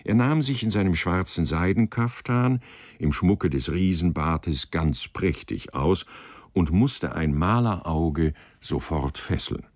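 A man reading a literary story aloud in a measured, expressive manner. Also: deep voice, dry recording. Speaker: narrator. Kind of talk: audiobook narration of a literary story.

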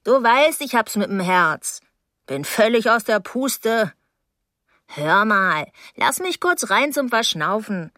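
A woman's voice: fairly high pitch, very animated, slow, pushed and bright, no room sound, clean studio sound, voice pushed up, exaggerated voice. A woman voicing a nosy old landlady with heart trouble who nags and scolds while out of breath. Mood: nagging.

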